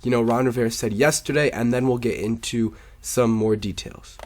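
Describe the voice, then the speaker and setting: A man's voice: mid-range voice, fairly even intonation, moderate pace. A man with a congested, sore-throated sick voice gives casual, opinionated sports commentary as a video host in an informal, rambling way.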